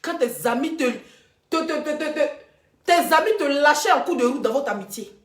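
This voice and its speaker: A woman from the Ivory Coast with an Ivorian French accent, talking in a heated livestream monologue, emphatic and repeating herself, her voice swinging between loud rises and quiet drops. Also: high-pitched, normal speed, roomy sound. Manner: emphatic, repeats herself, voice rising and dropping sharply. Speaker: social media livestreamer.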